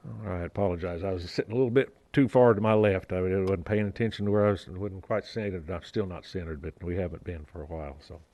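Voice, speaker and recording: A man chairing a city council meeting as mayor, his voice muffled through a face mask, talking haltingly with fillers and the odd joke. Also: deep voice, dark tone, a little hiss or hum. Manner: halting, with fillers and restarts, lightly joking.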